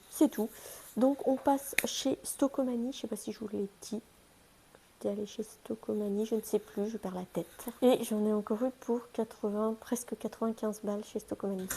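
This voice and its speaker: A woman's voice: on the high side, mellow, breathy edge. A young woman chatting casually through a shopping haul vlog, chatty and self-mocking, talking to her pets between items. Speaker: haul vlogger.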